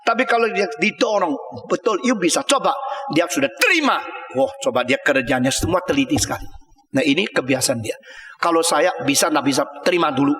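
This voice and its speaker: An older male pastor delivers an impassioned sermon in a high, bright, ringing voice. He swings from loud exclamations down to low murmurs. The sound rolls through a large hall with long reverb. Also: expressive, brisk.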